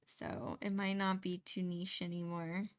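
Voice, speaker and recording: A woman's voice: on the low side, little pitch movement, unhurried, clear, resonant tone. A young woman chatting casually and a little sleepily as she paints, rambling and laughing often. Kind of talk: casual chat while painting.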